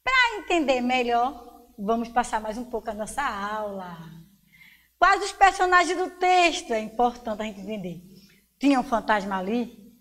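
A woman's voice: a little high, lively intonation, a bit bright, in a large hall. A woman with a Pernambuco accent teaching a fourth-grade reading lesson, encouraging and asking questions. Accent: Pernambuco Brazilian Portuguese. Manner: slow, encouraging, asks the pupils questions.

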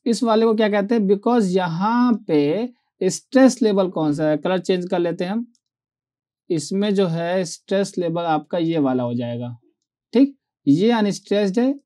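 A male teacher giving an online poetry lecture, reading verse lines out slowly and often checking whether students have followed. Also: high voice, warm tone.

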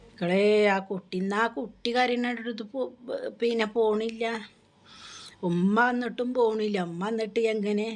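A woman, telling her viewers a story in a chatty, animated way with many restarts. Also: fairly high pitch, moderate pace. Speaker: vlogger.

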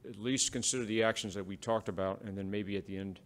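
In a council chamber, a city staff member presents to the council during a public meeting discussion. His fairly low, steady voice is measured, though broken by frequent fillers and restarts.

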